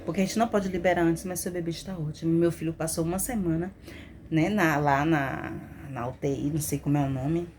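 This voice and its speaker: A woman, telling her own testimony as a mother with emotional, animated storytelling. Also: low voice, a little fast, faint music behind. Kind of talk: personal testimony vlog.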